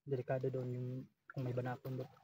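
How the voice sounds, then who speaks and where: A man chatting casually outdoors on a mountain, measured and repeating himself as he thinks. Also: mid-range voice, completely flat delivery, noisy background. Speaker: vlogger on a jungle outing. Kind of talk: casual chat among friends. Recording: distant, dull lo-fi outdoor mic.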